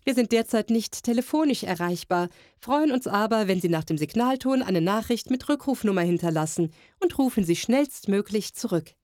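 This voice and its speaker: A woman's voice: mid-range voice, animated, moderate pace, hardly any pauses, darkish tone, no room sound, clean studio sound. A woman reads scripted telephone announcements in a polite, formal customer service voice. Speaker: phone announcement voice.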